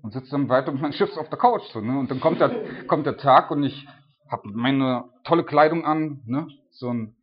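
A man's voice: medium pitch, normal speed. A man giving a casual, conversational sermon, chatty and full of tag questions and filler words. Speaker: preacher. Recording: dull lo-fi recording.

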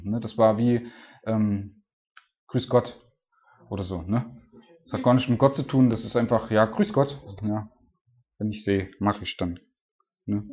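A man preaching an informal sermon in a conversational way, often ending phrases with a questioning tag and reading scripture aloud more loudly and slowly. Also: medium pitch. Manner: chatty, keeps adding "ne?"; reads scripture aloud louder and slower. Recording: dull lo-fi sound.

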